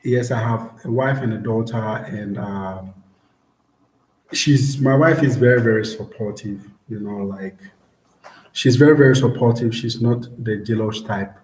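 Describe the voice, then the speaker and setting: A young Ghanaian man vlogs from home during a live stream, chatting casually and answering viewers in an easygoing way, repeating words and using many fillers. His voice is on the low side, unhurried and a little mellow, and the room is echoey.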